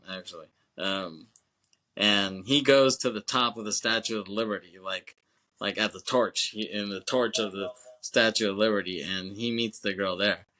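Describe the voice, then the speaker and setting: On a podcast, a young male co-host loosely retells a film in casual chat, full of profanity, laughter, and plenty of "like" and "you know." His voice sits on the low side, bright and forceful.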